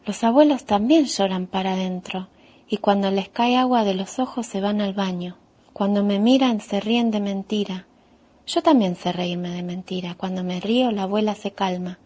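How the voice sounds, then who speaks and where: A woman with an Argentine Spanish accent reading her own children's story aloud in a calm, measured way, narrating in the first person as a small child. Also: medium pitch, husky.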